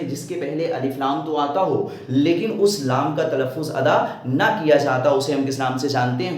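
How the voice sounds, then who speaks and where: Male grammar teacher, slow, repetitive, leans on tag questions; raised pitch, boomy echoey room. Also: a little mellow. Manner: asks questions and answers them himself. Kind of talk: Urdu grammar lesson.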